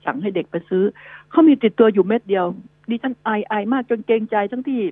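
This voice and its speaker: A woman's voice: medium pitch, fast, breathy edge, no room sound, narrow, tinny audio. A woman hosting a radio news show, giving chatty, rambling advice to her listeners. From Thailand. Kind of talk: casual radio talk.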